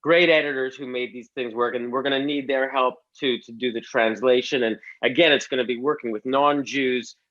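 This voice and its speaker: A man's voice: medium pitch, fairly even intonation, brisk, hardly any pauses, a bit bright, lo-fi sound. A man, guest on a casual online chat, thanking his editors and making joking asides. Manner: joking, self-deprecating asides. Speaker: comedy series co-creator, guest.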